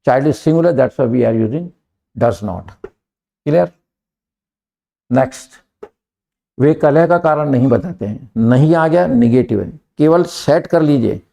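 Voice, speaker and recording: A middle-aged Indian man teaches grammar, switching between Hindi and English. His voice is gravelly and dark, and he slows right down to dictate each example sentence. He keeps checking with his students by asking "clear?". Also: medium pitch, animated.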